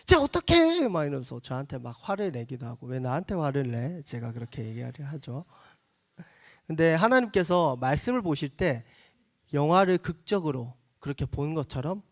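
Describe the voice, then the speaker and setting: Earnest high-voiced male pastor preaching. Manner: earnest preaching with acted asides. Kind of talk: sermon to a young adult congregation.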